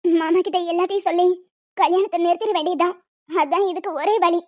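A woman's voice: extremely high pitch, steady tone, brisk. Woman voicing Kavya, a remorseful young woman. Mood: determined. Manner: earnest, emotional, pleading. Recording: dull lo-fi audio with music.

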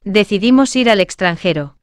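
A woman reading short everyday phrases aloud in a clear, measured way, saying each one twice for learners. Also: mid-range voice, lively intonation, no room sound, studio quality. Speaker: Spanish phrase reader. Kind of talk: slow repeated phrase reading.

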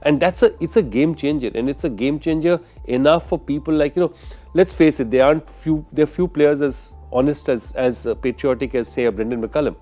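An older man speaking as a cricket pundit on a studio panel, animated and gesturing, with mocking asides. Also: a little high, a little fast, faint music behind. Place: TV studio, indoors. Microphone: lapel mic.

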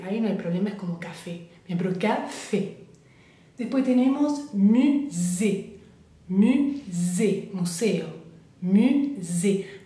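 A woman's voice: medium pitch, dark tone. Woman, patient French teacher drilling words, very echoey room. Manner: patient, repeats words slowly for learners. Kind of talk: online language lesson.

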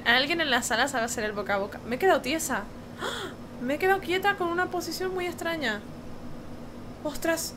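Woman streamer, high-pitched, exclamatory game commentary, noisy background. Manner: excitable, exclaiming, talks to chat. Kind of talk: live gameplay commentary.

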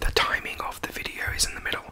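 A man in his twenties doing fast whispered ASMR up close to the microphone, often repeating words and phrases. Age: 20s. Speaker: ASMR video creator. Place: small bedroom, indoors. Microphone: desk microphone, very close to mouth.

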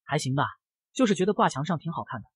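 A man's voice: fairly high pitch, expressive, fast, slightly rough, no room sound. A man voicing an irritable, snappy young rich man, in a comic narration. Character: hot-tempered spoiled young rich man.

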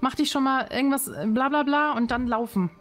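A woman's voice: high voice, a little fast, a bit bright, soft background music. Anxious woman asking questions in roleplay. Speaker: roleplay player. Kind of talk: in-character roleplay chat.

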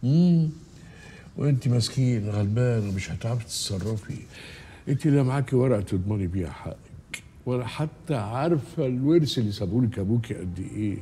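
A man playing a flattering, scheming Egyptian uncle. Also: medium pitch, brisk, slight background noise, natural voice. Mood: coaxing. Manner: sweet-talking, coaxing, repeats himself. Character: scheming, flattering male uncle wheedling his niece.

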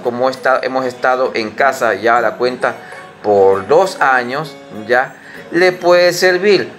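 A middle-aged man teaching young children in an online lesson, coaxing them to repeat phrases slowly. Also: medium pitch, a bit bright. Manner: patient, slow, spelled-out English phrases mixed into Spanish.

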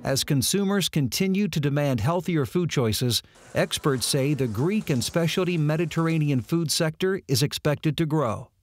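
A man reading scripted narration in a polished, even delivery. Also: on the high side, moderate pace, slight background noise.

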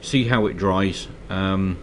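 Taking it slowly in a low voice, a man from Scotland gives a casual miniature painting tutorial at his hobby desk despite a slight cold. There's slight background noise. He comes across as relaxed and hesitant, with lots of ums and uhs.

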